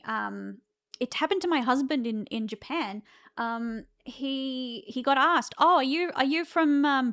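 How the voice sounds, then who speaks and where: A woman's voice: a little high, a bit bright. A woman in her thirties with an Australian accent, chatting casually with her stream chat, laughing often and restarting her sentences. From Victoria, Australia.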